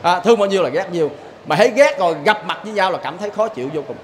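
A Southern Vietnamese man delivers a sermon in a high-pitched voice, folksy and full of stories. He keeps turning to his listeners with quick rhetorical questions. A faint background noise sits under his voice. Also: lively intonation. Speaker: Buddhist lay preacher. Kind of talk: sermon with storytelling.

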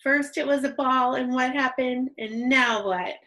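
A woman's voice: high-pitched, steady tone, measured pace, fairly bright tone, low-quality recording. A young adult woman teaching an online reading lesson to young children, patient and encouraging, on a computer microphone.

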